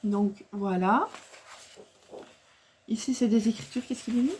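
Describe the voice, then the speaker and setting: A woman chats casually to camera about her craft supplies in a slightly high voice. She rambles and loses her thread, fills gaps with hesitations and laughs often. A faint hiss sits behind her voice. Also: measured pace, a little mellow. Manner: rambling and chatty, with many fillers and restarts; laughs often while talking. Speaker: scrapbooking vlogger showing a craft haul.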